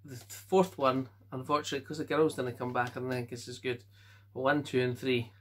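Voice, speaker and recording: A Scottish man casually going through his film collection at home, giving offhand quick verdicts and chuckling to himself. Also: mid-range voice, fairly even intonation. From Scotland. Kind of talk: casual chat.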